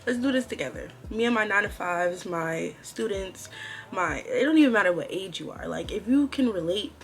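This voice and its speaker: Here a twenties-aged female vlogger speaks at a normal speed with a medium-pitched, expressive voice, over slight hiss or hum. Her tone is chatty and casual, addressing viewers the way she'd gossip with girlfriends.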